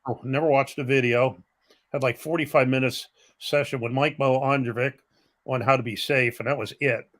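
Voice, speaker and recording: An older man co-hosting a casual live stream, talking in a halting, rambling, self-deprecating way. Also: mid-range voice, fairly even intonation, a bit bright.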